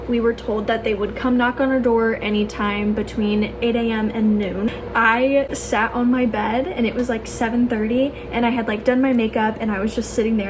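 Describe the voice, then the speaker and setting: Young woman, higher voice, casual vlog storytelling, chatty, gushing, noticeable background noise. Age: young adult. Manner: chatty, gushing, peppers talk with "like" and "oh my gosh". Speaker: vlogger. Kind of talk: casual personal storytelling to camera.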